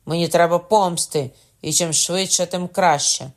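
A man reading an audiobook, voicing a hot-blooded young nobleman who shouts, raised in pitch. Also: steady tone, a little slow. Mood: fierce, shouting. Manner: loud, shouting, fired up.

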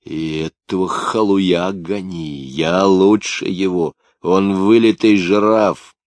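A man reading aloud, voicing a sullen young ex-thief who answers curtly and low. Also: fairly even intonation, takes it slowly, dry recording. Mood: bitter.

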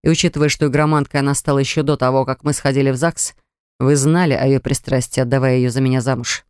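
In an audiobook story, a woman reader voices a young husband who speaks curtly and sternly, with a cold, stern mood. Her voice is medium-pitched and fast, with fairly even intonation, a little mellow, clear and resonant, set below her own natural pitch yet close to everyday speech. The clean studio recording has no room sound.

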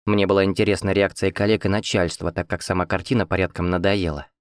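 A man's voice: sits low, flat delivery, quick pace, clear, resonant tone, dry recording, studio quality. A man narrating a first-person audiobook in a wry, ironic manner.

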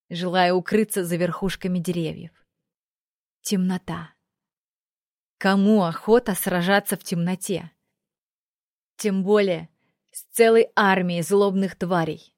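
A woman narrating a fantasy audiobook in a steady, expressive reading. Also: lowish voice, dry recording, clean studio sound. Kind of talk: scripted narration.

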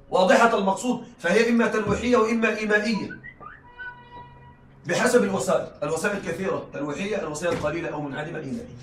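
A man's voice: sits high, fairly bright tone. A man giving a classroom lecture on Arabic rhetoric, often asking rhetorical questions to check that his students follow. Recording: echoey room, voice from a distance.

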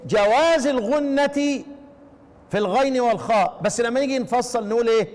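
A man with an Egyptian accent teaching a lesson on Quranic readings, asking rhetorical questions and slowly chanting the example phrases. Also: extremely high pitch, in a large hall. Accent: Egyptian Arabic. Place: class with students.

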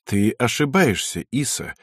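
A man's voice: medium pitch, very animated, unhurried, a bit bright, breathy edge, no echo, studio quality, heavily acted. A man doing a curt cynical lieutenant. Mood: calm persuasion. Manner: curt and commanding, sometimes mocking. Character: hard, cynical young male army lieutenant.

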